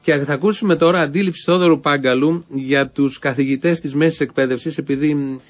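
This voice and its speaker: A man's voice: fairly high pitch, steady tone. A man hosting a satirical show, delivering biting, sarcastic commentary on politics. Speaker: host.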